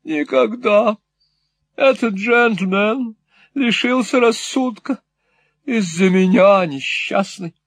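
A man's voice: high-pitched, slow, vocal fry, fairly bright tone, dry recording, voice pushed up, heavily acted. A man voicing a fussy, long-winded middle-aged mother who rambles in a prim, flustered way. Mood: fretful. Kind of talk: audiobook character voice.

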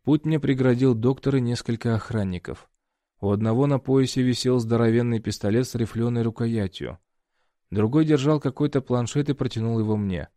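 A man narrating an audiobook in first person, reading in a steady storytelling way. His voice sits at an ordinary middle pitch. The recording is dry, with no room sound. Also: fairly quick, no echo.

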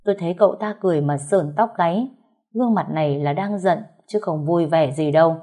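A woman's voice: on the low side, fairly quick, dark tone. A woman telling a dramatic first-person story.

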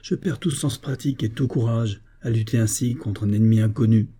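A man's voice: lowish voice, a little fast, dark tone, husky. A man reading the part of a desperate young husband who pleads in anguish for help. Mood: despairing.

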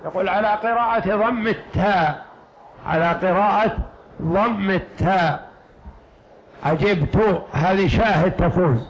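A man, a sheikh, giving slow, emphatic lecture commentary on a text that was read aloud, repeating key phrases. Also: high-pitched. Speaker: sheikh teaching a creed text. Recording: dull lo-fi lecture recording.

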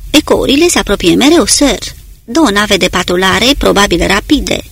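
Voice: mid-range voice, expressive, vocal fry, a bit bright, husky, exaggerated voice. A narrator reading an audiobook, voicing a male officer who gives urgent, clipped reports.

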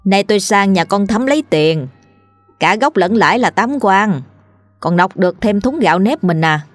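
A woman's voice: medium pitch, lively intonation, normal speed, no echo, faint music behind, natural voice. Grasping middle-aged moneylender's wife in an old-time folk tale, cursing and blunt; read by a woman. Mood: scornful. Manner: coarse scolding, cursing.

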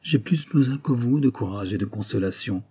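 A man voicing an earnest, virtuous young peasant girl who is soft-spoken. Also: mid-range voice, animated, normal speed, husky. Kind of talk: audiobook character voice.

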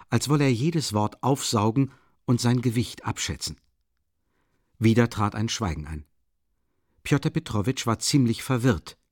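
A man narrating a novel as an audiobook reader, measured and clear. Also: on the low side, darkish tone, no echo, clean studio sound. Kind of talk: scripted narration.

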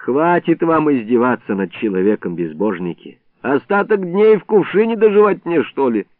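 A man's voice: fairly high pitch, big pitch swings, moderate pace, no room sound, voice pushed up. A man voicing an old village man, trapped and pleading, cursing his tormentors, in a tinny phone-like recording. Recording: tinny phone-like band, dry.

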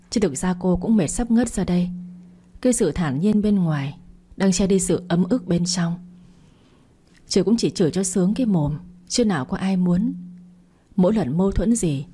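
Husky, dark-toned woman storyteller. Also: on the low side. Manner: reads every character herself, sharp and quarrelsome in dialogue. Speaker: narrator. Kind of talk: storytelling narration with acted dialogue.

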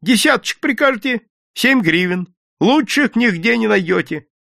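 A man's voice: sits high, animated, normal speed, vocal fry, bright, forceful tone, no echo, studio quality, voice pushed up, full character voice. A man voicing a fawning, wheedling peasant street vendor in an audiobook reading. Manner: wheedling, ingratiating. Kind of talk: audiobook character voice.

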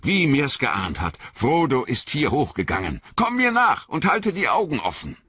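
A grim ranger, commanding and urgent, as a man reading aloud plays him, with a lively, husky voice. It sounds dry and close. The audio is a bit dull. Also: medium pitch, moderate pace, no room sound, pitched above the performer's own voice, heavily acted.

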